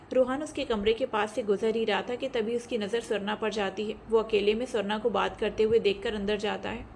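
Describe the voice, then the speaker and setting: A woman storyteller giving steady, scripted narration of a romance audio story. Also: on the high side, a little hiss or hum.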